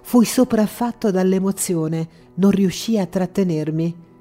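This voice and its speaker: A woman reading a book aloud on the radio in a calm, measured storytelling manner. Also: medium pitch, faint music behind.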